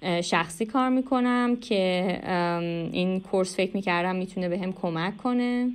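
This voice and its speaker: A young adult woman from Iran with an Iranian Persian accent, giving conversational interview answers in a hesitant, reflective way with drawn-out pauses. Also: mid-range voice, clean tone. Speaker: interview guest, animation artist.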